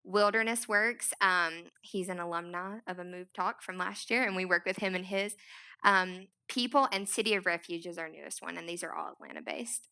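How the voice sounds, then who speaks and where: A woman's voice: fairly low pitch, moderate pace, pushed and bright, clean tone. A woman with an East Tennessee Appalachian Southern accent giving an informal, chatty, self-deprecating talk as a nonprofit founder. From East Tennessee, United States. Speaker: nonprofit founder speaking to an audience. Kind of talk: informal, conversational public talk.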